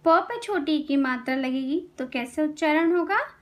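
A woman's voice: high-pitched, animated. A young woman teaching children to read, drilling syllables and words with questions she answers herself. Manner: slow, sing-song drilling with repeated questions and answers.

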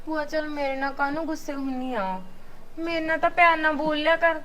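An actress playing a gentle young daughter in a Punjabi village drama, soothing and coaxing with a Punjabi accent. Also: female voice, high voice, fairly quick, a little hiss or hum.

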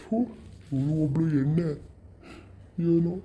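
A man playing an earnest village uncle with a dark tone. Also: a little high, fairly even intonation, slow, breathy edge. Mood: tender. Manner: earnest, pleading, scolding the aunt. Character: tearful, caring village uncle, middle-aged man. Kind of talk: village family skit.

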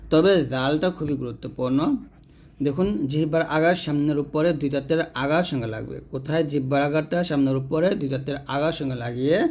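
A man teaching Arabic letter pronunciation to adult learners, slowly and patiently, repeating each sound and asking questions he answers himself. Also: a little high, a little mellow. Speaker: Quran teacher. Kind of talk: step-by-step pronunciation lesson.

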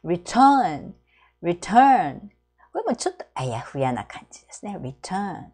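Animated Japanese woman teaching English. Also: rumbling low, slightly rough. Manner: explains slowly, models English phrases very slowly. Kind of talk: English lesson for seniors.

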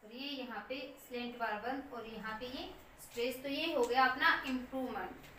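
A woman teaching English phonetics in Hindi, slowly sounding out words syllable by syllable as she writes. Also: sits high, pushed and bright, a little hiss or hum. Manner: slow, repeats words aloud syllable by syllable while writing. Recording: echoey room heard from a distance.

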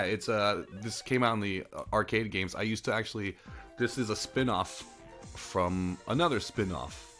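This gaming channel host is a young man, a native Japanese speaker, whose voice sits on the low side with a slightly bright tone. He rambles casually through some gameplay commentary, chatting and poking fun at himself as he plays a puzzle game.

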